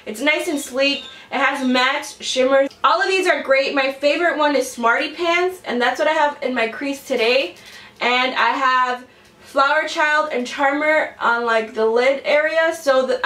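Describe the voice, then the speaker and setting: Talking to camera, a twentysomething beauty vlogger rambles casually about makeup, packing her speech with fillers. She has a high, fairly bright voice with a slightly stuffy, cold-affected sound, and the recording is echoey with the mic a bit far off.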